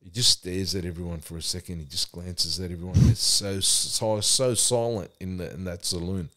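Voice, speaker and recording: A man with a very low voice speaks casually, as if among friends. He is plain-spoken and colloquial, telling things in simple storytelling phrases. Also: steady tone, moderate pace, a bit bright. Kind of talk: casual chat and unhurried storytelling.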